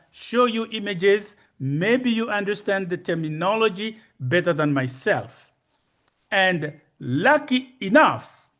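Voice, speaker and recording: Presenting slides at a conference, a man in his sixties or older speaks in a bright, high-sitting voice shaped by a Congolese accent. He takes a careful, explanatory approach and returns to important phrases for emphasis.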